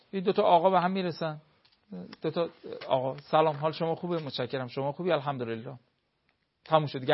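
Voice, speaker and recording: A man's voice: on the high side, highs cut off. A man, a cleric, giving earnest marriage advice in an explanatory talk full of everyday examples.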